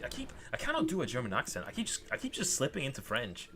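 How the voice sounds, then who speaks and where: A man's voice: medium pitch, huge pitch swings, fast talker. A man streaming a point-and-click game, making offhand, muttered remarks as he plays. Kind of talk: casual game commentary. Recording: game music behind.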